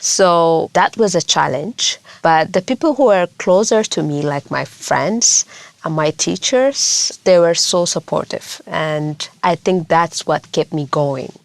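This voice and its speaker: A young woman, a lawyer and social worker, answering interview questions in a measured, earnest way. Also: deep voice, animated, vocal fry, no echo. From Ethiopia.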